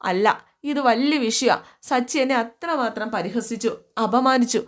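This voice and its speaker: A hurt young wife speaking slowly and bitterly, as a woman storyteller puts her on. Her slightly high voice drags with grievance. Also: close to an everyday voice. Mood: aggrieved. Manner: aggrieved, slow and heavy.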